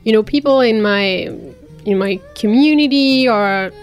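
Faint music plays behind a woman whose voice is on the high side and whose pace is measured. She is a French teacher, French by birth and first language, thoughtfully searching for words in a reflective interview.

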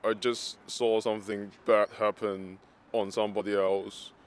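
Man with a disguised deep voice. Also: level tone. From Hong Kong. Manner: halting, searching for words, many restarts and "like" fillers. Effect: voice disguised, pitch-shifted deeper. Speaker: pro-democracy organizer. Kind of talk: interview testimony.

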